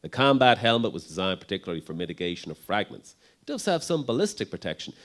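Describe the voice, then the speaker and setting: An Irish-sounding speaker, a man, putting on an American accent to quote a blunt Marine officer, loud and swaggering. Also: lowish voice, big pitch swings, fast.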